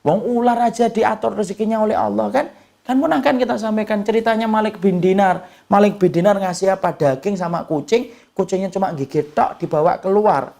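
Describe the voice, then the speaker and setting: A male preacher delivers a lively sermon, his voice rough and gravelly. He keeps asking the congregation questions and answers them himself, now and then slipping into short, humorous quoted voices. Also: high-pitched, a little fast. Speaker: Islamic preacher.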